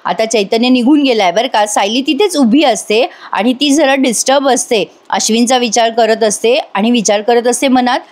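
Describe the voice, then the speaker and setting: A woman's voice: a little high, moderate pace, hardly any pauses, a little mellow. A woman with a Marathi accent narrating a chatty voice-over recap of a TV serial, commenting as she retells scenes.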